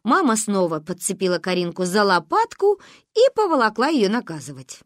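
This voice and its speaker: Lively woman narrating a story. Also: mid-range voice, brisk, dry recording, clean studio sound. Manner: lively, expressive reading.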